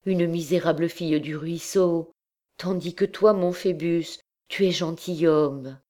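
A woman's voice: lowish voice, steady tone, a little slow, dark tone, natural voice. A woman voicing a young, desperate dancer girl who pleads passionately with the man she loves. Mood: devoted.

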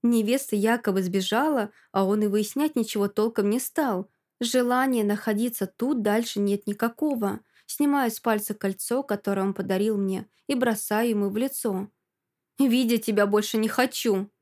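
A woman narrating a first-person story in an expressive audiobook reading. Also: medium pitch, normal speed.

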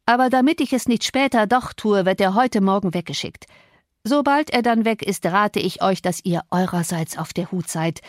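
A woman's voice: mid-range voice, moderate pace, no echo, clean studio sound, lightly acted. A woman doing a blustering young master. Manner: blustering, sneering. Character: harsh young male master of the house.

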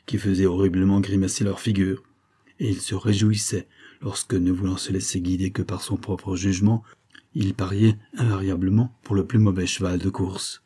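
A man reading a nineteenth-century novel aloud in steady, measured narration. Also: low voice, breathy edge. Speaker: audiobook narrator.

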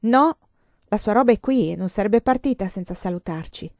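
A woman's voice: medium pitch, animated, normal speed, a little mellow, no room sound, close to an everyday voice. A woman voicing an anxious, insistent teenage schoolgirl who pleads urgently. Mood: upset.

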